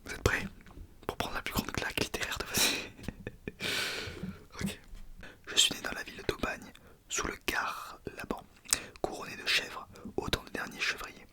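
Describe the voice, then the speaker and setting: A man reading in a soft ASMR whisper, informal, sometimes stumbling over words and correcting himself. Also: moderate pace. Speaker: ASMR video creator. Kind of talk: whispered ASMR book reading with casual asides.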